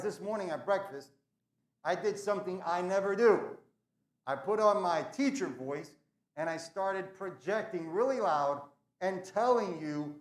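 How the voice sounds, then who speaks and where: An earnest, emphatic man giving a school's morning announcements, often repeating phrases to drive the point home. His voice sits a little high for a man. The sound is echoey, as if recorded in a bare room.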